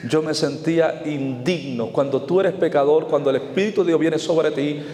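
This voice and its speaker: A man's voice: fairly high pitch, normal speed, warm tone. A man preaching his testimony as an evangelist with a Mexican Spanish accent, passionate and dramatic. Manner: impassioned preaching, quoting voices in his story. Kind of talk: sermon testimony. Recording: hall reverb, faint music behind.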